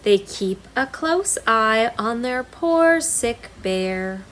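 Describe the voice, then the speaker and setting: Slow, singsong woman hosting children's storytime. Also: a little high, animated, fairly bright tone, a little hiss or hum. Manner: singsong, deliberate, repetitive phrasing for small children. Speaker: children's library storytime host. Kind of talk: storytime read-aloud and simple activity for young children.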